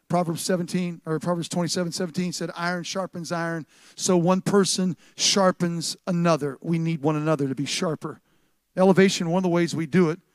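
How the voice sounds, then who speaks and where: A middle-aged man preaching a sermon to a live congregation in an animated, conversational way, often restarting his sentences and swinging between loud and soft. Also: a little high, no room sound. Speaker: pastor. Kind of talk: sermon with church announcements. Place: church service with a live congregation.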